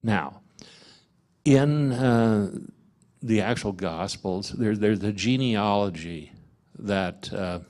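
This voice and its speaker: Low, slow-speaking man leading a Bible study; halting, filler-heavy delivery. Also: a little mellow. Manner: halting, many fillers and restarts. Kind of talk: informal Bible study teaching. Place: parish meeting room.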